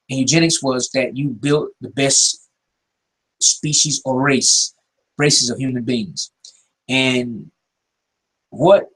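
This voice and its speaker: A middle-aged man hosts a talk radio show alone, speaking in an earnest, preachy tone and often stumbling over his words. His voice sits a little high for a man and has a husky, slightly raspy edge. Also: fairly bright tone, rough recording. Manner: earnest and preachy, with many hesitations. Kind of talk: solo political commentary.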